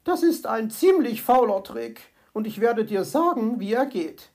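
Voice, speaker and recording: A woman voicing a bossy, motherly female magpie nurse who talks in a brisk, self-satisfied way. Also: a little high, lively intonation, darkish tone. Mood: fussing.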